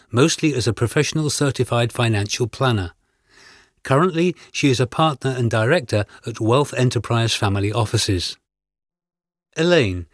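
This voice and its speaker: A man reading a scripted interview with measured, announcer-like delivery, introducing each extract and asking the questions. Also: medium pitch, dry recording, studio quality. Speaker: interviewer and exam narrator.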